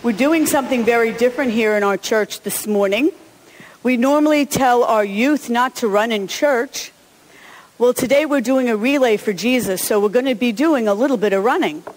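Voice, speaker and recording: A woman's voice: fairly high pitch, moderate pace. Woman pastor, Easter sermon, encouraging and chatty, long reverb from a large sanctuary. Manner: chatty and encouraging, often chuckling. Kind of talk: Easter sermon and children's message.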